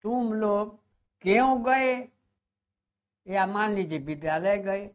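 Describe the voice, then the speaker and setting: A man teaching a grammar lesson, slowly repeating and drawing out words. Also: sits high, animated, clear, resonant tone. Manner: slow, repeats words and stretches them out. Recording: dull lo-fi sound.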